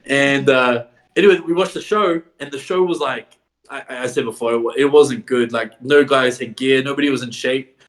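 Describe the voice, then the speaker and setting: A professional wrestler appearing as a podcast guest tells stories casually in a mid-range voice at a moderate pace. He swears freely, laughs a lot, and packs his speech with the filler "like".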